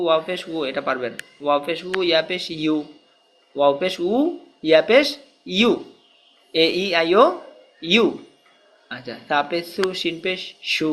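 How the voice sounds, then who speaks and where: A man teaching Quran reading, chanting letter-and-vowel drills in a steady rhythm and pausing to explain with questions. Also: on the high side. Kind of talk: spelling drill lesson.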